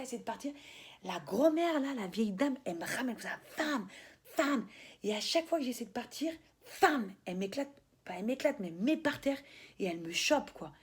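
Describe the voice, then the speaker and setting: A young woman telling a personal story in a casual, animated way, full of slang. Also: a little high, brisk, husky. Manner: animated, slangy, laughs often, acts out voices. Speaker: spiritual vlogger.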